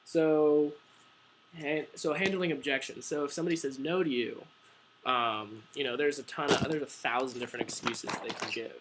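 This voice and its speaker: A young man explains door-to-door marketing in a loose, chatty way, full of ums and false starts. His pitch sits in an ordinary middle range. Faint ambient noise hums behind him. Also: steady tone, moderate pace. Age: young adult. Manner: informal and chatty, many ums and restarts. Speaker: painting business owner training door-to-door marketers. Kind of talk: casual instructional talk to camera.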